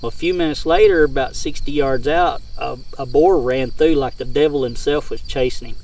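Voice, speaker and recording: A middle-aged man with a mid-pitched voice spins casual hunting tales in folksy, rural phrasing. He is recorded outdoors at some distance from the microphone, with insects sounding around him. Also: a little hiss or hum. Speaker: hog hunter and game caller. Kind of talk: casual first-person hunting storytelling.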